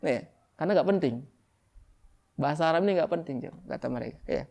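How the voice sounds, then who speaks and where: A middle-aged man preaching a sermon to a congregation, lively, often acting out people in high excited voices. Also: fast, gravelly.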